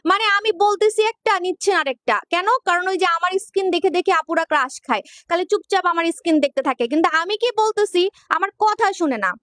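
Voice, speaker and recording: Woman doing a skincare sales livestream, super high voice, fast and teasing, dry close mic. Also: expressive, fairly bright tone, dry recording. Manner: playful, teasing, chatty, addresses viewers directly. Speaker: online skincare shop owner selling on a livestream. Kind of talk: casual livestream sales talk. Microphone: clip-on mic.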